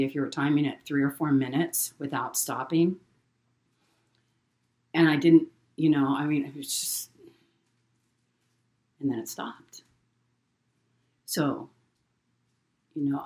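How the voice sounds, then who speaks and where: A middle-aged woman telling a personal story in a halting way, repeating words and using many fillers. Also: low voice. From Hawaii. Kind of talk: casual spoken storytelling.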